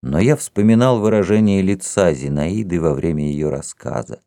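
Male audiobook narrator, low dark voice, expressive storytelling, dry sound. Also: moderate pace, creaky, no echo. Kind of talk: audiobook reading.

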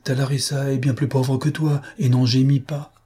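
A man reading an audiobook, voicing a devoted young woman who speaks with fervent, soft pleading. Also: mid-range voice, level tone, normal speed, slightly rough, voice pushed up.

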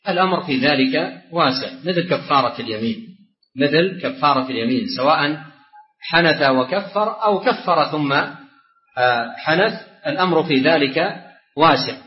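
A man, an Islamic scholar, answering a question on a ruling in a measured, deliberate way with pauses between phrases. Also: on the high side, lively intonation. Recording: roomy, dull lo-fi recording.

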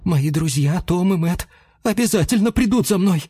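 A man's voice: extremely high pitch, animated, slow pace, a little mellow, faint music behind, voice pushed up, full character voice. A little chameleon, young, scared and pleading, as a male storyteller puts him on. His voice sits well above the teller's own, light and eager in a storybook way. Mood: anxious. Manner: anxious, pleading.

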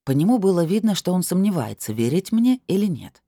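A woman's voice: fairly low pitch, sing-song, fairly quick, mellow, no room sound, clean studio sound. A woman narrating a novel in the first person with a wry, ironic manner. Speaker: audiobook narrator.

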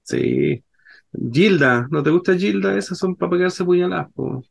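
A man's voice: high voice, huge pitch swings, moderate pace, gravelly, slightly rough. A middle-aged man with a Chilean accent, a radio co-host in casual banter, teasing and sending greetings on air. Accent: Chilean Spanish.

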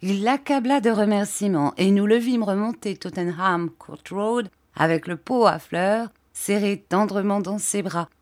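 A woman reading a classic novel aloud as an audiobook, in an expressive, animated way. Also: on the low side. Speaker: audiobook reader.

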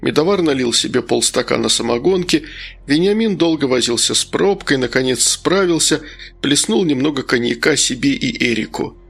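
A man narrating an audiobook in a steady storytelling manner. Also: medium pitch, moderate pace, creaky, husky. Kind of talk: scripted narration.

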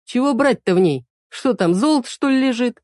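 A woman's voice: fairly high pitch, expressive, brisk, a little mellow, no room sound, clean studio sound, voice pushed up, lightly acted. A woman doing a fussy, pedantic young man. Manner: correcting, fussy.

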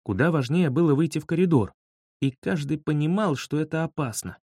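Expressive male storyteller, lively pitch. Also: brisk, breathy edge, no echo, studio quality. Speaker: audiobook narrator. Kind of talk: scripted narration of a humorous children's story.

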